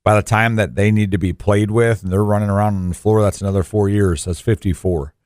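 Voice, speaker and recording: A man's voice: lowish voice, steady tone, fairly quick, darkish tone, dry recording, studio quality. A man of forty co-hosting a radio show, talking informally and emphatically, repeating phrases for stress. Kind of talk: conversational radio talk with personal asides.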